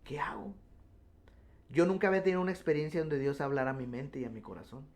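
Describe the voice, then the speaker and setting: Casual: guy telling his faith story on the radio, kinda high voice, earnest. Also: animated, very fast, darkish tone. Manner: earnest storytelling with many restarts. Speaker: guest giving testimony. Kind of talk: personal testimony on radio.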